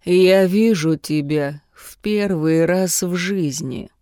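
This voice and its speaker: A woman voicing a cocky young man from the slums who speaks quietly, curtly and with dead calm, in an audiobook reading. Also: on the low side, slow pace, no room sound, clean studio sound. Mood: cold.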